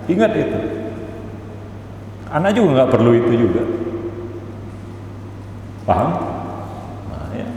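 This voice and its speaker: A man's voice: medium pitch, wildly swooping pitch, measured pace, long pauses, dark tone, slight background noise. A man giving an emphatic parenting lecture as a preacher, repeating his points for stress. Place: mosque hall. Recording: echoey hall, faint ambience.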